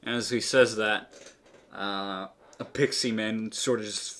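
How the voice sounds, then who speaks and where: A man's voice: fairly low pitch, steady tone, slow pace, a bit bright. A man running a tabletop roleplaying game, describing the scene with many fillers and restarts. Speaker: game master.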